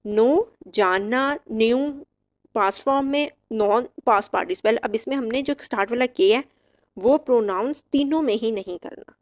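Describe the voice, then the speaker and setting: A woman teaching English verb forms, reciting each word slowly and clearly with short explanations. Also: a little high. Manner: slow, drilled word-by-word recitation. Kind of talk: vocabulary lesson.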